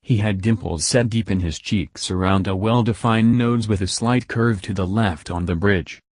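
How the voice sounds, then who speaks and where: A man reading an audiobook in a steady, measured narration, recorded close to the mic. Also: fairly low pitch, no room sound.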